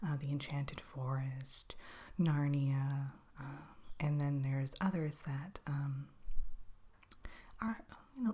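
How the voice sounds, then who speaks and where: A woman performs an ASMR role-play as a polite interviewer for a fairy tale realm. Her voice is low and breathy, mostly unvoiced. She speaks in a hesitant, chatty way, putting questions softly.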